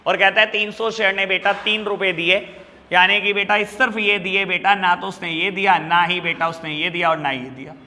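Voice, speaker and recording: A man with a high, very bright voice explains an accounts lesson, addressing students fondly and mixing in English terms. His voice rings with a long reverb, as if he were teaching in a large hall. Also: steady tone, normal speed. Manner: talks to students as "beta", mixes English terms into Hindi, teasing and explanatory. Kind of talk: classroom lecture.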